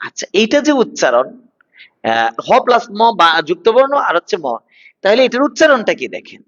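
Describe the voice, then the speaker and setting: A man's voice: sits high, huge pitch swings, fairly quick, fairly bright tone. A man in his thirties teaching an online class, repeating words and coaxing his students along. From Bangladesh. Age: 30s. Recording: dull lo-fi online class audio.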